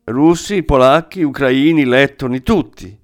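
A man voicing a young woman, a warm and earnest exile, pleading gently, over faint music. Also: mid-range voice, a little slow, no echo, studio quality, voice pushed up, close to an everyday voice.

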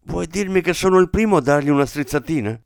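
An insistent young man presses his case in a radio-play reading, voiced by a male reader. He sounds blunt and irritated, and his pitch rises and falls widely. The sound is dry and close. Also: animated, fast, smooth, dry recording. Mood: pressing.

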